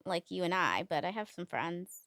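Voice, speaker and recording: A woman's voice: on the low side, normal speed, no echo, clean studio sound. A woman co-hosting a casual podcast, telling stories with lots of "like" and "um" and acting out the lines she quotes. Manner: animated storytelling, acts out quoted lines; filler-heavy, laughs often. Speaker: podcast co-host.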